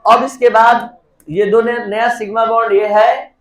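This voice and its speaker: In an echoey classroom, a man with an extremely high, steady voice lectures on chemistry at a measured pace. He dictates reaction steps one at a time and prompts his students to respond.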